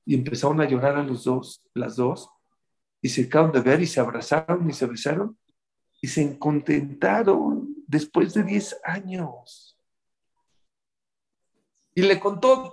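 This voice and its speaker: A man giving a storytelling sermon, animated and addressing his audience directly. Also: mid-range voice, vocal fry, low-quality recording. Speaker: religious speaker.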